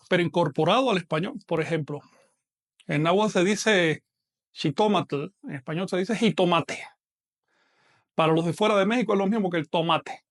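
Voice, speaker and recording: High-voiced man teaching a language class. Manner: measured, patient explaining, slows down to model pronunciation. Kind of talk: online lecture.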